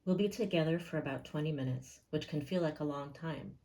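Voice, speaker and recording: A woman with a low-sitting voice leads a guided meditation, calm, gentle and unhurried, leaving pauses between phrases.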